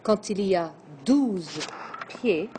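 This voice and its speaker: A woman teacher giving a lesson on poetry, counting out syllables slowly and deliberately. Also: medium pitch, lively intonation, warm tone, slight background noise. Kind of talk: classroom lesson on verse.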